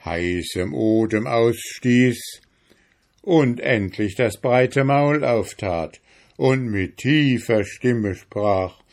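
A man reading a fairy tale aloud in a slow, measured storytelling manner. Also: mid-range voice. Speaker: narrator.

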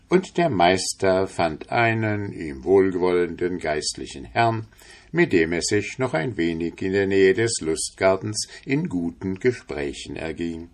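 A man narrating a fairy tale aloud in a measured, calm storytelling manner. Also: sits low.

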